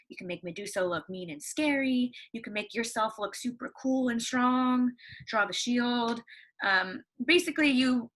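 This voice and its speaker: A high-voiced female elementary school teacher gives a read-along lesson to young students at home, quizzing them upbeat and answering her own questions. Her tone is sharp, and she uses a computer microphone.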